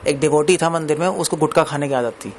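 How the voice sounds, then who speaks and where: Gravelly-voiced man giving a conversational sermon. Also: on the high side, quick pace, a little hiss or hum. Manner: conversational, mixes English words, laughs between points. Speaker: preacher. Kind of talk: Hindi discourse on scripture.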